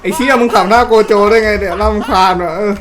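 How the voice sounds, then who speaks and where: A man giving loud, excitable gameplay commentary, swearing constantly and yelping as he plays. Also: high voice, fast talker, noisy background. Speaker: gaming YouTuber. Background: game music.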